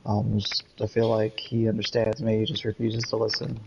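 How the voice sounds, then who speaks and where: Gravelly dry-toned player, muffled lo-fi mic. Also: medium pitch, monotone, normal speed, background noise. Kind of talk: playing a tabletop game. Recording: dull lo-fi sound.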